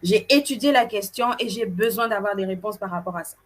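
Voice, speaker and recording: A woman from Cameroon co-hosting a live event, telling stories to the audience in a playful, animated way. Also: mid-range voice, fairly quick. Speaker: event co-host. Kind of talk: casual presenting to an audience.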